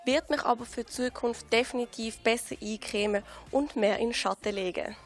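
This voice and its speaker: A woman's voice: a little high, normal speed. A woman asking passers-by short, casual questions. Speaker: street interviewer. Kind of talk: street interview questions. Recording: faint music behind.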